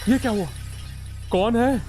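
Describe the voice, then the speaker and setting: A man's voice: extremely high pitch, a little slow, over music. An actor playing an anxious, lovesick young man in a horror audio drama, mixing English into broken Hindi.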